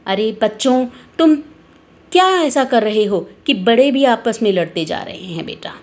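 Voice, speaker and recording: A woman voicing a gentle old grandmother. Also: fairly high pitch, lively intonation, moderate pace, pitched below the performer's own voice, lightly acted. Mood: admonishing. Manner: soothing, admonishing. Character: gentle elderly grandmother, peacemaker.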